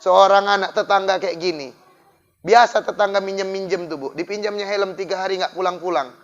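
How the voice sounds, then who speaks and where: Lively preacher. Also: male voice, high voice, brisk. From Indonesia. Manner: lively, swings from loud to hushed, addresses the crowd. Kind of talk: sermon with storytelling. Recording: dull lo-fi sound.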